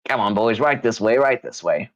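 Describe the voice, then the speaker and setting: A man plays a little streetwise halfling fixer in a tabletop game. He is matey and confiding, pitched up from a low natural voice. The sound is a bit dull. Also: lively intonation, normal speed. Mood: breezy, matey. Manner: breezy, matey, conspiratorial.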